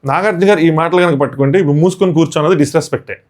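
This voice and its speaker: A man gives a breathless, storytelling recap of a reality show episode, talking extremely fast and scarcely pausing between points. His voice is a little high for a man and a little mellow, and he drops English words into his commentary.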